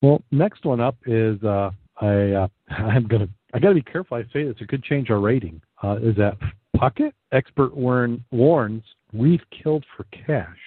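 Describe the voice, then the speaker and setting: At a moderate pace with hardly any pauses, a medium-pitched man co-hosts a relaxed talk show, reading news items aloud in an easygoing, slightly hesitant way amid casual discussion. The sound is dry and tinny, almost phone-like.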